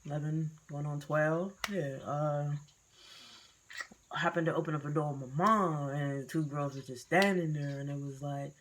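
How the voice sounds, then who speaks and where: A young woman vlogger telling a personal story in a casual, slangy, animated way. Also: low-pitched, moderate pace, slight background noise.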